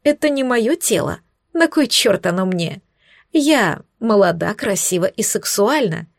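A woman voicing a scornful, smug young female witch who mocks and threatens in slow, hissing tones, recorded dry and close. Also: mid-range voice, expressive, gravelly, no echo. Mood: sneering. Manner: mocking, hissing, drawn-out threats.

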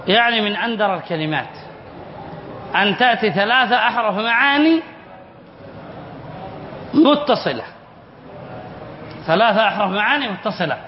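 A man with a very high voice teaches a class as a sheikh, reading lines from a text and explaining them with many repeated examples. He asks the class a question, then answers it himself. The recording is dull and muffled, with a long echo and a faint hiss. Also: animated, normal speed, long pauses. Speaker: sheikh teaching Arabic spelling rules.

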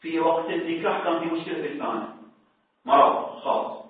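A man's voice: fairly high pitch, fast talker. A man teaching a seminary lecture on religious law, questioning his students and repeating words for emphasis. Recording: distant, echoey, phone-like.

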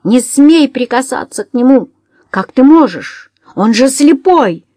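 Timid young woman, read by a woman, anxious, sharp alarmed cries. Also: medium pitch, sing-song, measured pace, dry recording, clean studio sound.

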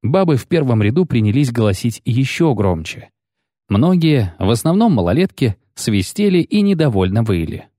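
A male audiobook narrator with an animated, swinging delivery. He reads expressively and theatrically. The sound is close and dry. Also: medium pitch, moderate pace, no room sound. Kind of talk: scripted narration.

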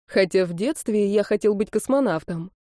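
A woman reading the lines of a gentle, teasing young man in love in an audiobook, speaking softly and unhurriedly in a mellow voice. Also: mid-range voice, normal speed, no echo, studio quality, natural voice.

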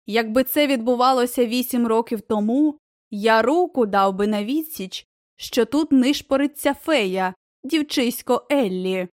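A woman's voice: fairly high pitch, measured pace, lightly acted. A sullen male dictator, brooding and suspicious, handing out gloomy commands, as a woman reading a storybook puts him on. The sound is close and dry, with no echo.

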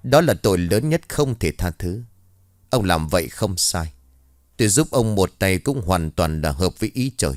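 A sly older sorcerer speaks in a low, lively voice, as a man puts him on, coaxing with calm certainty. The sound is close and dry, like a story read straight into the mic. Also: moderate pace, no echo. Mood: persuasive. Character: cunning older male sorcerer, scornful.

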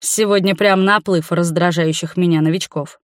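A woman's voice: lowish voice, steady tone, normal speed, no echo, clean studio sound, lightly acted. A woman voicing an arrogant, cruel young male fire mage who sneers and threatens, in an audiobook. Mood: sneering.

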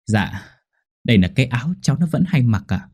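A man voicing a desperate father who shouts in anguish to his dead son. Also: medium pitch, animated, fairly quick, husky. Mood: pleading.

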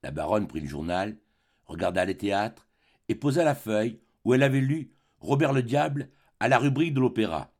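A man reading a classic novel aloud as an audiobook, in an expressive, animated narration. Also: fairly low pitch, fairly quick. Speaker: audiobook reader.

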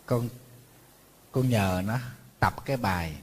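A man's voice: lowish voice, takes it slowly, husky. A man, a monk giving a conversational sermon, telling family stories and acting out scolding asides. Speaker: Buddhist monk teacher.

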